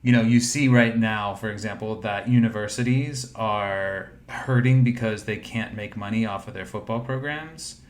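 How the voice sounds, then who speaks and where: A man's voice: fairly low pitch, normal speed, hardly any pauses. A man in his forties, a wellness coach speaking as an interview guest, earnest and casual. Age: 40s. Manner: earnest, casual with fillers like "you know". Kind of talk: conversational interview.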